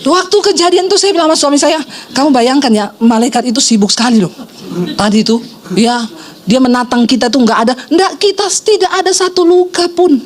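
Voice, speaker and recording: A middle-aged woman pastor preaching a sermon, telling a story in a lively way and acting out the people she quotes. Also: high-pitched, a little fast. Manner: animated storytelling, acts out quoted voices.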